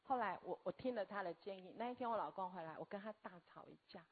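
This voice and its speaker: A woman, telling a personal story earnestly and haltingly as a guest. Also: medium pitch, animated, husky. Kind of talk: personal testimony. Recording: tinny phone-like audio.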